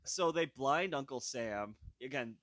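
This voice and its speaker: A man co-hosting a podcast recaps a film in casual chat, full of "like"s, stalls, and hesitations. His medium-pitched voice is animated, unhurried, and fairly bright. The recording is dry and clean, studio quality.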